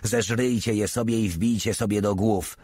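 A man voicing an overworked military medic sergeant, shouting and contemptuous as he insults the listeners. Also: lowish voice, fairly even intonation, normal speed, breathy edge, no room sound. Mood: furious. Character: furious overworked male army medic sergeant.

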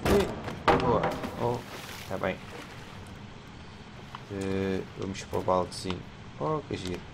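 Male let's-player, European Portuguese accent, jumpy and chatty, game sounds clearly audible under the voice. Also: low voice, takes it slowly. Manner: excitable, yelps and swears at jump scares, mutters to himself. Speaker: gamer playing a horror game. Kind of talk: let's play commentary. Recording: clear game noise behind voice.

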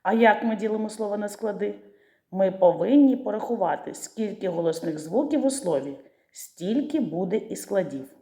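A woman teacher giving a literacy lesson to young children, pronouncing words slowly and stretching out the syllables. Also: mid-range voice, lively intonation, warm tone. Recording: echoey room.

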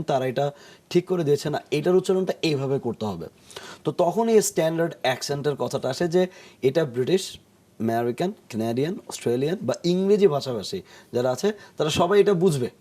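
Mellow, higher-voiced man on a talk show. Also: lively intonation, brisk. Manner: explains patiently, acts out jokes in English, many hesitation sounds. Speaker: studio guest, English pronunciation teacher. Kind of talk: explanatory talk-show conversation. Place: TV studio.

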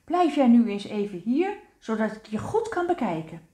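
A woman's voice: fairly high pitch, very animated, moderate pace, mellow, roomy sound, voice pushed up. A woman doing an absent-minded old fern professor. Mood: doting.

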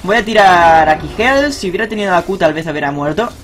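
A young man giving live, excitable commentary on his own ranked game, swearing and cheering at big plays. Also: high voice, fast talker, a little hiss or hum. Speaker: gaming streamer.

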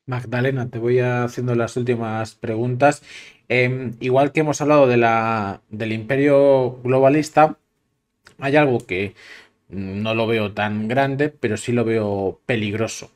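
A man's voice: medium pitch, steady tone, a little slow. A man hosting an interview, asking his guest questions in a casual, blunt way and briefly mocking self-styled gurus. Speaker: host.

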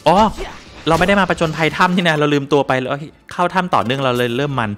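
A man's voice: a little high, fast, faint music behind. A man streaming a game live, joking with his chat, exclaiming often and thanking viewers for donations. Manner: animated and joking, with frequent exclamations and laughs. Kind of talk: casual live-stream gameplay commentary.

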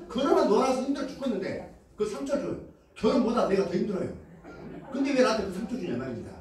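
Animated man lecturing in an echoey hall. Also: sits high, fast talker. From Jeolla region, Korea. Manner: lively call-and-response, acts out quoted lines, laughs often. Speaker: motivational lecturer. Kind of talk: animated lecture to a live audience. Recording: echoey hall, heard from a distance.

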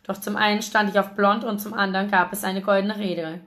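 A woman reading a novel aloud in a lively, expressive audiobook narration. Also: mid-range voice, brisk. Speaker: audiobook reader.

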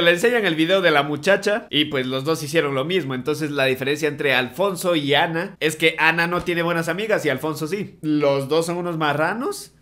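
A man's voice: fairly high pitch, sharp tone. A young man doing sarcastic reaction commentary as host, often laughing. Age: young adult.

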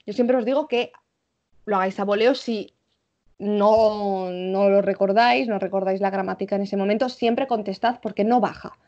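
A woman with a Spanish accent teaching an English exam-prep class online, checking in often with her students and slowing down to model English examples. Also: mid-range voice, steady tone, a little mellow, dull audio. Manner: switches between Spanish and English, frequent "vale?" check-ins.

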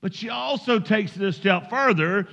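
A man's voice: sits high, normal speed, vocal fry, a bit bright. A man preaching a sermon as pastor, telling folksy stories and urging the congregation emphatically. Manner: folksy storytelling, emphatic exhortation. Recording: echoey hall, dull lo-fi sound.

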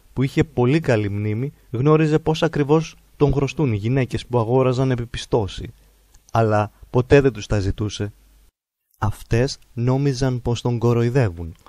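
A man reads a life story in a slow, measured, reverent way. His voice is mellow and dark, and the sound is dry and close with no room echo. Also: medium pitch. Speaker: narrator. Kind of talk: calm biographical narration of a holy man's life.

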